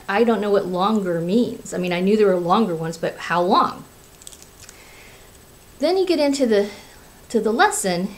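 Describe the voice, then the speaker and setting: A woman from Florida talks through a crafting project in a relaxed, candid vlog. Her voice sits at an ordinary middle pitch, and she rambles freely with plenty of fillers and restarts. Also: poor audio. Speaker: craft podcast host; teacher. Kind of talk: casual video chat.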